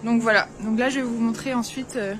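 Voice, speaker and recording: A woman's voice: a little high, fairly even intonation, a little fast, music in the background. A young woman chatting casually to her viewers while touring a snowy town and tasting market food. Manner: chatty, lots of fillers, addresses viewers directly. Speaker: travel vlogger. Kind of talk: casual travel vlog. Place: outdoors at a snowy castle and Christmas market. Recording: outdoor recording with street noise behind.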